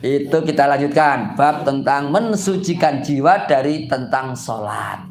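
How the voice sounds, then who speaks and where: A man's voice: mid-range voice, expressive, a little slow, vocal fry. Joking man preaching in echoey room. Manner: folksy, joking, repeats "gitu kan". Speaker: Islamic preacher. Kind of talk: casual religious study talk.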